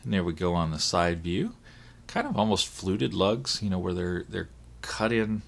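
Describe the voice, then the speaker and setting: Unboxing a watch, a reviewer chats casually and thinks aloud, using fillers and correcting himself, his voice hoarse from a recent illness. It's a deep voice with big swings in pitch, delivered at normal speed.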